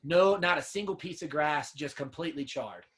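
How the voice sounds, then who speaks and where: As a guest on a casual storytelling podcast interview, an upland hunter and dog kennel owner tells hunting stories, earnest and emotional and often saying "man" and "dude." His voice is a little high and a bit bright, at normal speed.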